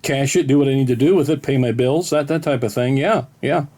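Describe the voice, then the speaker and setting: A man's voice: mid-range voice, mellow. A man baiting a phone scammer by acting confused, stammering and rambling as he asks the same question again and again. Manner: plays dumb, deliberately confused, rambling and stammering. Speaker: scam baiter posing as a retiree. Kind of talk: prank phone call.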